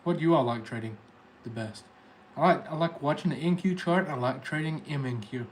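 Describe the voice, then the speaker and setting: A man with a Tennessee accent, a day trader hosting a livestream, talks informally and straight to the chat. His voice is a little high and a little fast, with slight background noise behind it.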